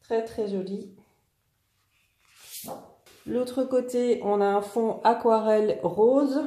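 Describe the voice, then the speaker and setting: A woman's voice: on the high side, steady tone, takes it slowly, warm tone. A woman who runs a shop, casually presenting new products in a chatty way, with many fillers and repeats. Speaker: online scrapbooking shop owner. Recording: echoey room.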